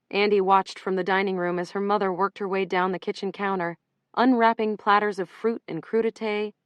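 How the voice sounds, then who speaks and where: A woman narrating an audiobook in a measured, even storytelling manner. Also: mid-range voice, smooth, no room sound.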